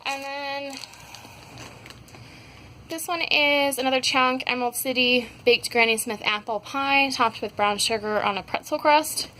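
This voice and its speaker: A woman's voice: sits high, fairly even intonation, measured pace, pushed and bright, a little hiss or hum, low-quality recording. A young woman casually reviewing scented wax melts at home, rambling with many fillers. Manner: rambling, many ums and likes. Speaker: wax melt haul vlogger. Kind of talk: casual product review chat.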